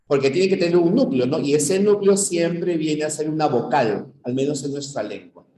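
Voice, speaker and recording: A man from Peru teaching a university-prep lecture, explaining step by step and checking in with the class through quick questions. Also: a little high, dark tone. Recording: echoey room.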